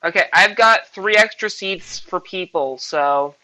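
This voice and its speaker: A man's voice: high voice, measured pace, pushed and bright, low-quality recording. A man playing a tabletop role-playing game, talking in a hesitant, filler-laden way. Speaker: player. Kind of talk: casual tabletop game chat.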